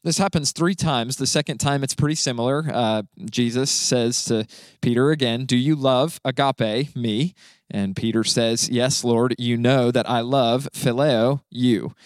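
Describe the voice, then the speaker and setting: A man talks through a scripture passage in an easy, conversational teaching manner, stopping often to check in and filling his pauses with small hesitations. His voice sits at an ordinary middle pitch. The recording is dry and close, with no room sound. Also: no room sound. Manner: explanatory, frequent "right?" and fillers.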